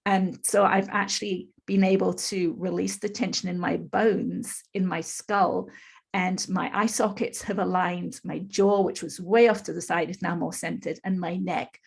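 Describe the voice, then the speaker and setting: A woman in her fifties, a spiritual teacher appearing as a podcast guest, describes her experience earnestly in long flowing runs during a storytelling interview. Her fairly low voice is creaky and slightly rough, a little slow and fairly even in intonation.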